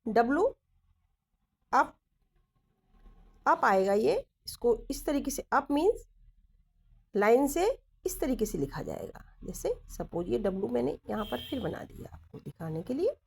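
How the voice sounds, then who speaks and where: Slow, lively-voiced woman teaching shorthand. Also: fairly high pitch, creaky, breathy edge. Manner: deliberate, repeats letters and directions while writing. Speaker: stenography teacher. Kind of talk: slow step-by-step lesson explaining shorthand strokes.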